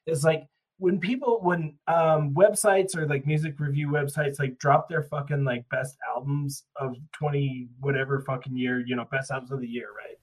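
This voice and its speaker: A man's voice: fairly high pitch, fairly even intonation, normal speed, poor audio. A man co-hosting a podcast in a casual, rambling chat, swearing freely and laughing often. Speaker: podcast co-host.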